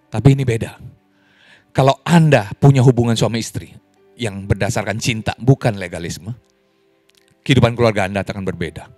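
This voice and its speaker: A man preaching a lively sermon as pastor, in an online church service, joking and laughing with the congregation. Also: dry recording. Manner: animated, wide pitch swings, jokes and laughs.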